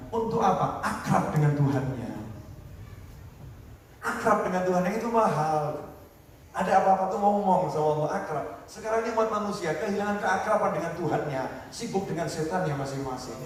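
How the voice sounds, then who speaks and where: A man preaching a lively, joking storytelling sermon. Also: fairly high pitch, a little hiss or hum. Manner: lively, joking, acts out voices. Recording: echoey hall from far off.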